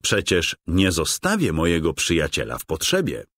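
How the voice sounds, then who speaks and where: A man's voice: deep voice, wildly swooping pitch, moderate pace, a bit bright, husky, no echo, clean studio sound, exaggerated voice. A man voicing a brave, loyal young male gnome hero in a children's game, calling out eagerly. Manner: eager, exclaiming.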